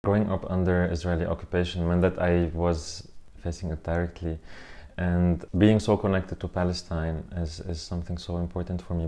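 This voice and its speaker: A man from southern Lebanon in his thirties, giving an earnest personal interview. His voice sits very low and stays fairly flat, with a dark, mellow tone. He speaks in measured phrases and pauses with small fillers between thoughts.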